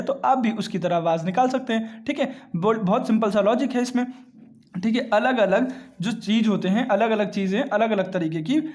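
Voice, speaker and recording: A man's voice: high voice, a little mellow. A man teaching a science lesson. He explains step by step, asks questions and answers them himself, and keeps checking in with his students. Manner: explains step by step, often checks with "ठीक है" and calls listeners "बेटा".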